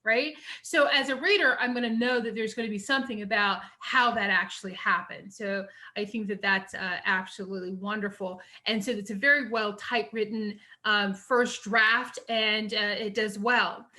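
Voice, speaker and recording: A woman's voice: medium pitch, fairly even intonation, normal speed, few pauses, pushed and bright. A middle-aged woman teacher, giving a recorded lecture on essay writing in a chatty way, full of fillers and "you know".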